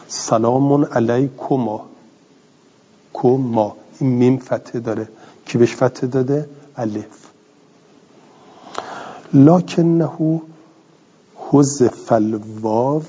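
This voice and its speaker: The grammar teacher here has a mellow, husky, mid-range voice. He reads a passage aloud and works through it with self-answered questions, on a dull, lo-fi recording with long reverb.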